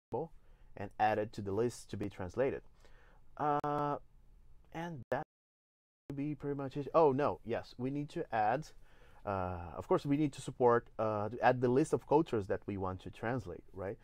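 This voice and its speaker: A Brazilian man in his forties, an engine evangelist, gives a live software tutorial in English with a Brazilian Portuguese accent. His fairly low voice is recorded dry in an indoor studio. He explains the demo step by step, often saying "uh" and restarting.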